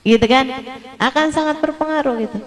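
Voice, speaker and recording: Lively woman preacher, slightly high voice. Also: a little fast, big-room sound. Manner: lively, playful, mimics others in high voices. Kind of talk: religious lecture.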